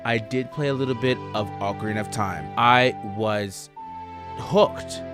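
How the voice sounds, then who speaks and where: A young man giving casual, joking tier-list commentary on video games, excitable and chatting straight to his viewers. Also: medium pitch, measured pace, over music. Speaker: gaming YouTuber.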